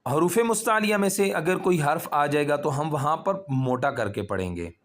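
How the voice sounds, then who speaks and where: A man teaching Quran recitation step by step, patiently spelling out letters and drawing out syllables. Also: fairly high pitch.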